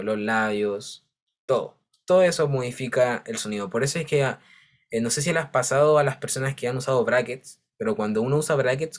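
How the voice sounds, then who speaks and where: Man, teacher, patient step-by-step explaining, frequent check-ins. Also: mid-range voice. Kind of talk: online class lecture.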